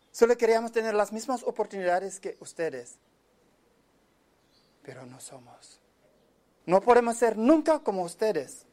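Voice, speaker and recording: A man from Senegal giving an earnest, measured monologue, often speaking quietly. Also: sits high. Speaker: speaker telling of his migrant life. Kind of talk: reflective spoken monologue.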